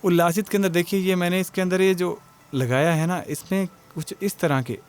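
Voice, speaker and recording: A man's voice: high-pitched, fairly even intonation, normal speed, clear, resonant tone. A male music teacher giving an exam-prep lecture, explaining step by step and asking and answering his own questions.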